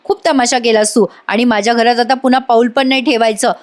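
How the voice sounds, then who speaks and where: A spiteful, scheming young woman, scornful and taunting in a fairly high voice, as a woman puts her on. She mocks her rival in a retold soap scene. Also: fairly even intonation, fast talker, close to an everyday voice.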